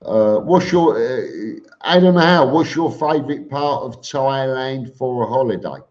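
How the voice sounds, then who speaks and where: Slow-talking man, casual live streamer, dull audio. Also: mid-range voice, a little mellow. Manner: informal and blunt, calls listeners mate. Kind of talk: casual live chat, reading out viewer comments and answering.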